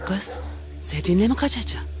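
A man's voice: expressive, brisk, soft background music. An actor in a TV drama playing a male militant recruiter who insistently urges a young woman to come with him. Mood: urging. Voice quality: low and insistent, urging. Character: persuasive male militant, pressing and threatening. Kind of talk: TV drama acting.

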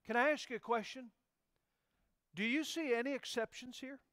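A middle-aged male pastor preaching a sermon in a notably high, smooth and resonant voice. He leans hard on key words, jumping from loud to quiet. The sound is dry and close. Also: moderate pace, no echo. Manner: emphatic preaching with sharp swings in loudness.

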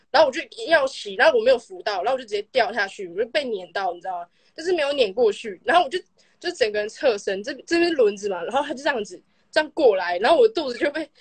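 A woman's voice: a little high, dry recording. A woman telling a childhood story on a live stream, rambling and stringing clauses together with constant fillers. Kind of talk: casual storytelling.

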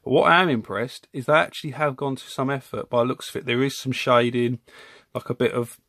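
A toy reviewer speaks from behind the camera in a home room lined with toy shelves, casually reviewing a collectible figure. His mid-range, slightly bright voice is brisk, and he rambles and corrects himself, captured in a dry, studio-quality recording.

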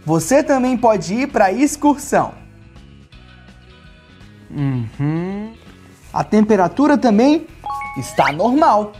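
A young adult man with a Brazilian accent hosts a children's video as a toy doctor, telling a playful story in simple, child-directed phrases. His voice is high-pitched, very animated, and a little mellow, moving at a slow pace with long pauses. He's indoors in a small furnished playroom studio with background music playing.

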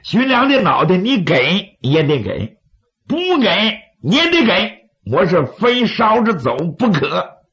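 A man, as a dramatic storyteller, voicing a pushy, hot-headed sworn brother with a gravelly voice. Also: high-pitched, sing-song, slow, fairly bright tone, pitched above the performer's own voice, heavily acted. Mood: insistent. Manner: insistent, dramatic storyteller's character voice. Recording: slightly dull, lo-fi audio.

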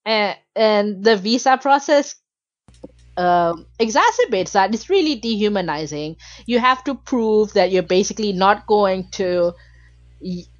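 A Malaysian woman guests on a podcast, talking casually and emphatically in an animated way with lots of fillers. Her voice is medium-pitched, with no room sound and lo-fi audio.

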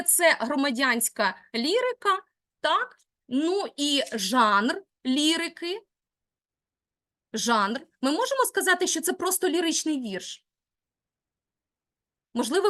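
A woman teacher with a high, bright voice leads a classroom lesson. She guides her students patiently and praises their answers. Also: big pitch swings, unhurried. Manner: encouraging, guiding students step by step.

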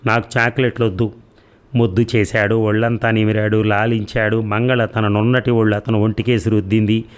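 Guy reading a story aloud, low voice, calm and measured. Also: clean tone. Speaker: audiobook narrator. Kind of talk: storytelling narration.

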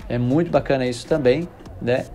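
A motorcycle channel host with a mid-range, warm voice delivers brisk, excited test-ride impressions to his viewers. He keeps it casual and repeats things along the way.

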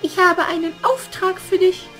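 A man voicing a scheming, bossy old witch in a puppet theater play, with a shrill falsetto cackle and a commanding, theatrical manner. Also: moderate pace, pushed and bright, faint music behind.

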